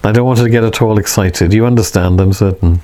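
A man's voice: fairly low pitch, fast, dark tone, lightly acted. A man reading the lines of a polite, firm husband.

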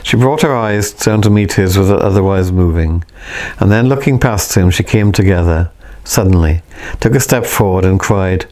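Man reading a novel out loud, lowish voice, calm and measured.

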